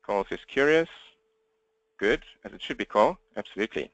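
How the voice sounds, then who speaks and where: Speaking into his laptop at a home desk, a South African-accented man delivers a live webinar training in a quick, upbeat, direct way. His voice sits on the low side and is expressive. The recording is dry, with the highs cut off.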